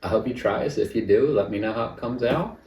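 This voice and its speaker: A man hosts a home cooking channel in a casual vlog, chatting, criticizing himself, and talking between bites as he cooks and tastes. His medium-pitched voice moves quickly and sounds creaky and a little mellow. He is far from the mic in a roomy space, and the rough recording has slight background noise.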